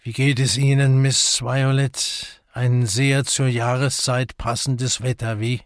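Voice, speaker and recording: A man playing an elderly, old-fashioned gentleman who speaks formally and ceremoniously. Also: medium pitch, level tone, takes it slowly, no echo, studio quality, lightly acted.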